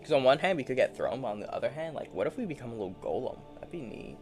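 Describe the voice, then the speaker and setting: A man talking to himself in a loose, rambling way. His pitch moves around a lot. He sounds playful and easily amused, with faint music under his voice. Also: very animated, rapid-fire, darkish tone. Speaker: gaming streamer. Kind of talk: casual solo commentary.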